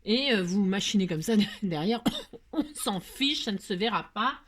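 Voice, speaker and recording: A woman's voice: medium pitch, animated, unhurried, a little hiss or hum. A woman hosting a casual craft tutorial, chatting in a rambling, self-mocking way with frequent laughs and asides.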